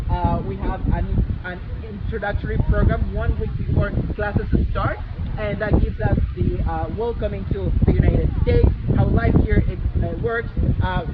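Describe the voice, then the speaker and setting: Young man, Chilean accent, high voice, campus tour guide, tinny phone-like sound, loud street noise. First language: Spanish. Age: young adult. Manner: earnest, explanatory, pointing things out. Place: outdoors on a college campus yard.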